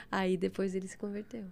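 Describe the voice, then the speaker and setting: A middle-aged woman, giving a fervent, expressive testimony of faith as a guest. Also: medium pitch, creaky.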